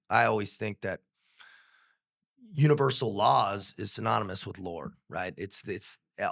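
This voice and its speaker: A man's voice: fairly low pitch, gravelly, fairly bright tone. A young adult man talking as a podcast guest in a casual, earnest and reflective way, swearing freely. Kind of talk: casual conversation.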